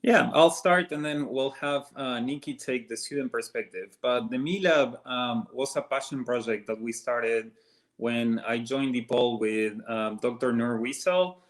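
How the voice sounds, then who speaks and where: A man's voice: mid-range voice, a little slow. A man from Argentina, a professor guest speaking in an upbeat, friendly way with some ums. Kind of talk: conversational interview.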